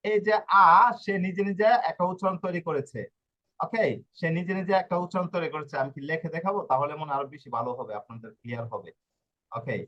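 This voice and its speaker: Male language teacher, patient, repetitive, higher voice, dull lo-fi sound. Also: fast, fairly bright tone. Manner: patient, repeats points and checks in with "okay?". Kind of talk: live online class in Bengali. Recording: dull lo-fi audio.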